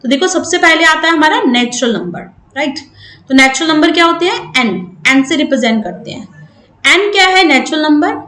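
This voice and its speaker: A woman's voice: high voice, animated, normal speed, bright, forceful tone, roomy sound. A woman with an Indian accent teaching maths step by step, switching between English and Hindi and often checking in with "right?". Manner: explains step by step, checks in with 'right?'. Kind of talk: classroom lesson mixing English and Hindi.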